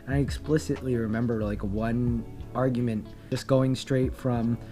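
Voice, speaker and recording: A man's voice: medium pitch, fairly even intonation, normal speed, warm tone, faint music behind. A young man telling a candid personal story, reflective and earnest, with many fillers and restarts. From Philippines. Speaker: vlogger.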